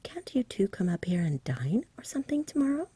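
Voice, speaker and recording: Female reader as genteel male dragon, storybook, lazy and amiable, chatty, soft whisper, mellow, close and dry. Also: mid-range voice, very animated, brisk, husky, no room sound. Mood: polite, eager. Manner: chatty, polite, genteel and dreamy. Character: lazy, genial male dragon who loves poetry.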